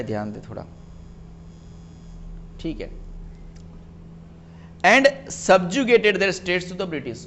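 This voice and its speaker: A male teacher giving a classroom lecture, explaining each term slowly and quizzing students to check they follow. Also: high voice, dull audio, a little hiss or hum. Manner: explains terms slowly, checks understanding with questions. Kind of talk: classroom lecture mixing Hindi and English.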